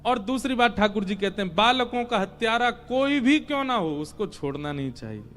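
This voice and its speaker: An animated male preacher with a high voice tells scripture stories in a devotional sermon. He is dramatic and chants verses, and soft devotional music plays faintly underneath. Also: normal speed.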